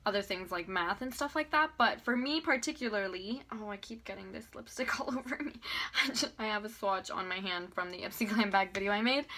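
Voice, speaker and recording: A woman in her twenties from Venezuela, telling a chatty, animated storytime on her vlog and laughing often. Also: mid-range voice. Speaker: beauty vlogger.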